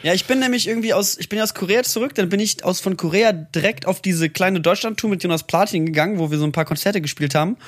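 A podcast co-host with a notably high voice tells loose, animated stories and laughs often. The sound is dry and close, with no room around him. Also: male voice, fast talker, hardly any pauses, no echo. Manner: animated, rambling storytelling with frequent laughs. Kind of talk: casual chat.

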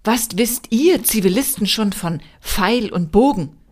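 A woman's voice: medium pitch, expressive, unhurried, darkish tone, pitched above the performer's own voice. A woman voicing a self-important army general in a read-aloud folk tale, commanding and boastful. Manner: bellowing, commanding.

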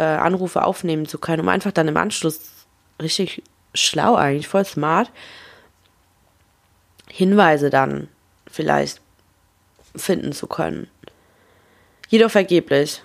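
A woman casually narrating a true crime case, reading quoted phone dialogue aloud with small slips and casual asides. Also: fairly low pitch.

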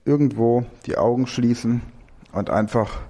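A man teaching a lesson, thinking aloud as he builds mind maps, correcting himself and reciting lists of verbs in a steady rhythm. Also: medium pitch, measured pace.

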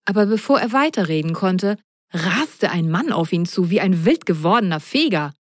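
A woman reading a children's story aloud in a gentle, expressive way. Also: fairly low pitch, moderate pace, no echo. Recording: dry close voice, faint music.

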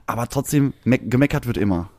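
A man's voice: medium pitch, animated, fast talker, darkish tone, dry recording, clean studio sound. A man from Germany co-hosting a casual podcast chat, wry and joking with vivid comparisons. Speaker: podcast co-host.

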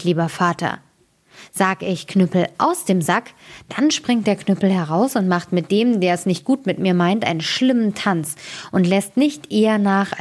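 A woman's voice: mid-range voice, natural voice. A woman voicing a confident, clever young male turner in a storybook fairy tale, giving firm commands.

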